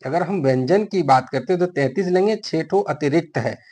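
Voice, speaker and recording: A man's voice: on the high side, normal speed, mellow. A man teaching a grammar lesson for an exam, explaining step by step and answering his own questions.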